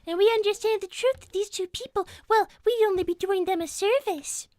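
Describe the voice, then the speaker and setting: A woman's voice: extremely high pitch, brisk, a little mellow, no echo. A woman voicing a polite, easily flustered young girl rabbit in an improvised cartoon livestream, protesting in wordy, prim sentences. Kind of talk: improvised cartoon character livestream, reading viewer messages.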